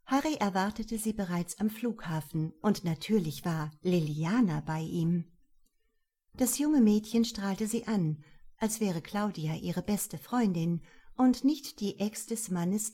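A woman reads a novel aloud with an expressive, lively delivery. Her mid-pitched voice carries a husky, breathy texture throughout. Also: measured pace. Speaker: audiobook narrator. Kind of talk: scripted narration of a novel.

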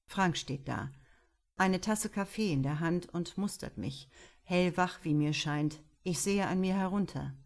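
A woman narrating a first-person literary story in a calm, measured way as an audiobook reader. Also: lowish voice, vocal fry. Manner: calm, measured, unhurried delivery.

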